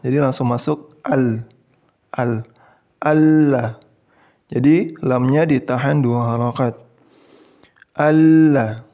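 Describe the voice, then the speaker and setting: An Indonesian man teaches in a slow, unhurried voice of middle pitch. He goes through each step patiently and repeats the examples. When he comes to the key words, he chants them long and loud, and the recording sounds somewhat dull and lo-fi. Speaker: Quran reading teacher.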